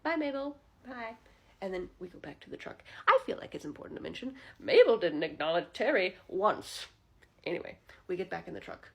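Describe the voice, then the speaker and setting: A woman telling a comedic story in a casual, animated way, with quick asides and drops to a hush. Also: on the low side, vocal fry, slightly rough.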